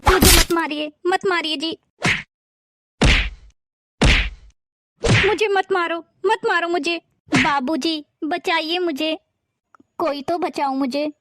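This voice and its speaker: A woman's voice: high voice, level tone, unhurried, a bit bright. Woman playing a meek mistreated young bride. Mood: terrified. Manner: pleading, timid.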